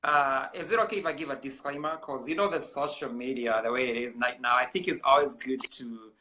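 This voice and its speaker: Bright-voiced Kenyan man hosting. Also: medium pitch, fairly even intonation. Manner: easygoing, halting, with frequent pauses. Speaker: host. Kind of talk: casual livestream interview.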